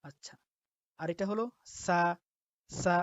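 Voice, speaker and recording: A woman teaching the Arabic letters step by step as a Quran teacher, patiently repeating each sound slowly. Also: on the low side, dry recording. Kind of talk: step-by-step alphabet lesson. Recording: dull lo-fi dry recording.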